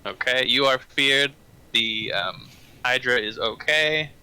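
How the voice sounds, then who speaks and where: A man's voice: medium pitch, slow, sharp tone, smooth. A man running a tabletop fantasy game as game master, narrating scenes and calling out rolls.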